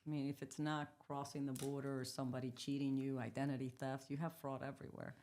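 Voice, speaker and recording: A woman's voice: a bass voice, fast, slight background noise. A woman in her fifties from the Dominican Republic, a native Spanish speaker, telling her story candidly as an interview guest. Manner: candid storytelling, animated retellings. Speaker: guest entrepreneur. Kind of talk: casual interview conversation.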